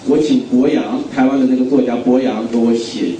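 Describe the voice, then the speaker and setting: A middle-aged man from China preaches with a mellow, dark voice, driving his points home by repeating them and questioning the crowd. He sounds set back from the microphone, and his words ring through a very reverberant hall with faint noise underneath. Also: medium pitch, fairly even intonation, brisk. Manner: emphatic, repeats key phrases, asks the audience questions. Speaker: guest preacher. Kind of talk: sermon. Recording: very echoey hall, distant mic.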